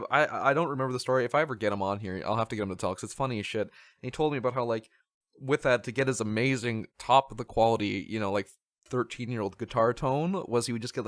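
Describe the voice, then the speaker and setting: A man's voice: medium pitch, dry recording, studio quality. A young man co-hosting a podcast, rambling and swearing in casual chat full of fillers. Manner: chatty, profane, rambling with many fillers. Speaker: podcast co-host.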